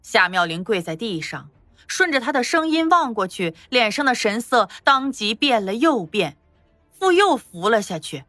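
A woman giving expressive scripted narration for a palace audio drama. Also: on the high side, normal speed, no echo, soft background music.

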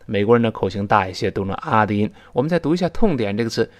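Male English teacher, animated lecturing tone, many filler words, drawn-out careful model readings. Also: lowish voice. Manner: explains at length, many "this, this" fillers; reads English examples slowly and carefully. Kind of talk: recorded language lesson.

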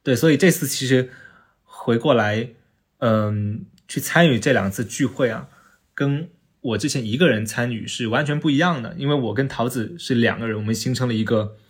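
Casual male co-host, slightly rough husky voice, feels his way through sentences. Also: mid-range voice, normal speed. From Chaoshan, southern China. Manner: hesitant, thinking aloud. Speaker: podcast co-host. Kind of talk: casual conversation.

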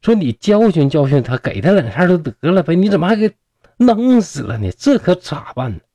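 A man's voice: mid-range voice, big pitch swings, a little fast, warm tone, husky, dry recording. A man with a Northeastern Mandarin accent voicing a distraught young wife who pleads and scolds. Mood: scolding.

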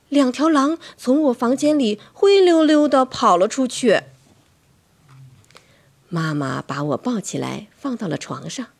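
A woman reading a bedtime story to children, animated and dramatic, dipping into whispers. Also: mid-range voice, vocal fry.

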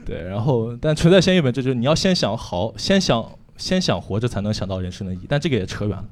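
A man's voice: mid-range voice, sing-song, quick pace, a little mellow. A young man from Shanxi doing a frank, rambling, self-mocking stand-up set with lots of fillers. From Shanxi, China. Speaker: stand-up comedian.

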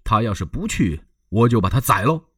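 A man's voice: fairly low pitch, lively intonation, normal speed, a bit bright, slightly rough, no room sound, studio quality. A man voicing a proud, hot-tempered warlord general in a traditional storytelling performance, declaiming boldly. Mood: defiant. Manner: bold declaiming.

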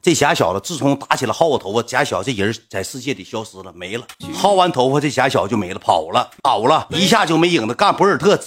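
A man telling a story casually, in animated slang that swings into loud retorts. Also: medium pitch, fast, hardly any pauses, music in the background.

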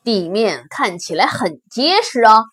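A woman voicing a calm, steady male lion in a children's story, speaking lower, firm and reassuring. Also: measured pace, husky, exaggerated voice.

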